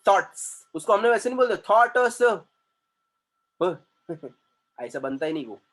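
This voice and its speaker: A man, a communication trainer teaching an online class, drawing out syllables slowly and quizzing his students. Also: fairly high pitch, very animated, fairly bright tone.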